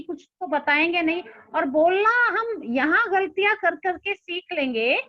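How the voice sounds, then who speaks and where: Very high-voiced woman hosting a call. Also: dull audio. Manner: encouraging, prompting. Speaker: meeting host. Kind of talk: moderating an online meeting. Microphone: video call.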